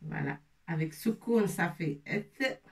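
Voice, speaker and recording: Woman teaching arabic at a board, slow and a bit low, mic sits far from her. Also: animated. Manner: slow, spells out letters and repeats words. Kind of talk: whiteboard lesson.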